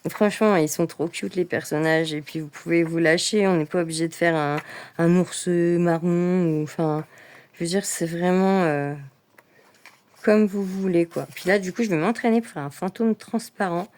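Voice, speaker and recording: A woman talks through her coloring books in a relaxed vlog. Her voice sits on the lower side for a woman. She is chatty and enthusiastic, with plenty of fillers and restarts. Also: moderate pace. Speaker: coloring book vlogger. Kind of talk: casual vlog chat.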